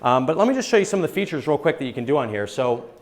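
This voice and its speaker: A man of ordinary middle pitch walks through a gadget hands-on as a tech reporter. He talks casually and upbeat, filling pauses with "um" and "uh" as he shows off features. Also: big pitch swings. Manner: chatty and upbeat, with frequent "um" and "uh". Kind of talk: casual hands-on product demo.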